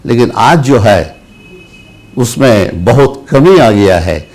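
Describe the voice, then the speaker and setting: An older man, a senior journalist, answering interview questions slowly, with pauses, restarts and repeated words. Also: medium pitch, animated, a little mellow. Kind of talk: interview answers, recalled anecdotes.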